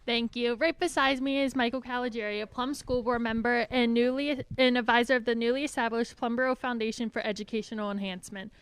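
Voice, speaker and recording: A woman's voice: fairly high pitch, steady tone, fast talker, few pauses, smooth, no room sound, low-quality recording. A young woman interviewing a guest on a school TV broadcast, asking polite, prepared questions. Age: young adult. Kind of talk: student TV interview.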